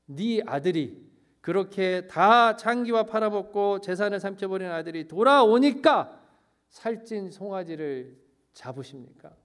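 A preacher acting out a furious resentful elder son. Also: male voice, a little high, lively intonation, unhurried, mellow. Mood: seething. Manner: harsh and indignant. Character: resentful elder son, grown man, seething with anger.

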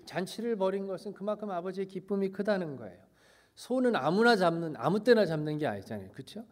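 A male pastor delivers a sermon in a fairly high voice. He keeps asking his listeners questions and answering them himself. His volume swings from loud emphasis down to hushed asides. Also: animated, fast talker.

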